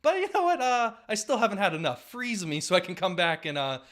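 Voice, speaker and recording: A man's voice: high-pitched, huge pitch swings, fairly quick, fairly bright tone, voice pushed up, exaggerated voice. A young man putting on the voice of a boastful, whiny old baseball legend in a comedy bit. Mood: bragging. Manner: whiny, bragging.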